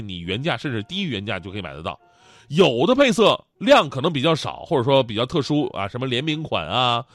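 A man with a mid-range voice serves as host, recounting funny stories in a lively, joking way and laughing frequently, with no echo on the recording.

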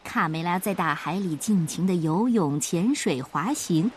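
Lively woman reading a children's story. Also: on the low side, measured pace, a little hiss or hum.

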